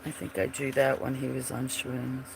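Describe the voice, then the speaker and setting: Completely flat in delivery and medium in pitch, a man talks at a normal speed on his livestream about his drawings. His froggy, gravelly rambling wanders and fades out as he looks for pieces, with background noise present.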